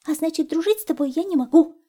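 A woman doing a squeaky, frightened little hare. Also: fast talker, warm tone, close to an everyday voice. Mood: jittery. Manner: high, breathless, jittery.

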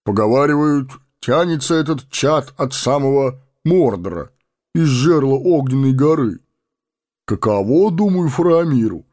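A man's voice: mid-range voice, animated, unhurried, a little mellow, pitched above the performer's own voice, close to an everyday voice. A man voicing an earnest, loyal male fortress guard who speaks urgently. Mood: worried.

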